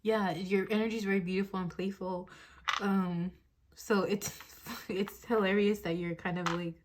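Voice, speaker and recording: A young woman gives a casual tarot reading, recorded on a phone mounted at her desk. She rambles along with plenty of fillers and keeps breaking into giggles. Her voice sits at a middling pitch. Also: fairly even intonation, moderate pace, background noise. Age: young adult. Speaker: tarot reader.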